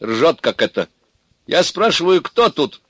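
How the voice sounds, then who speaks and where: A man's voice: high voice, expressive, measured pace, fairly bright tone, dry recording, pitched above the performer's own voice, full character voice. A man voicing the ugly, mustached daughter of a witch, snappish and scornful. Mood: cranky.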